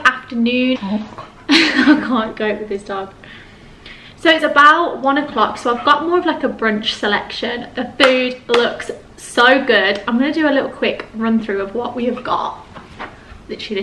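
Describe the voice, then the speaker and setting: A woman's voice: fairly high pitch, bright, forceful tone. A young woman chatting casually to camera while she eats, gushing about the food and sitting on the floor at home. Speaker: vlogger. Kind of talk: casual mukbang chat to camera. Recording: echoey room, faint background noise.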